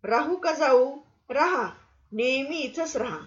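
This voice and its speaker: A woman's voice: sits high, expressive, takes it slowly, lo-fi sound, pitched above the performer's own voice. A woman doing a shy little orphan girl. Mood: timid. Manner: shy, soft-spoken, hesitant. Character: timid poor orphan girl.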